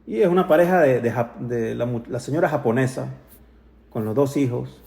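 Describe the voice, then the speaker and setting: A man tells a religious story with lively energy. He voices the people in it and drops English phrases and Hebrew terms into his telling. His mid-pitched voice carries a roomy echo. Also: moderate pace, creaky. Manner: ends with toasts. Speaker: Torah speaker. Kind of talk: storytelling Torah talk.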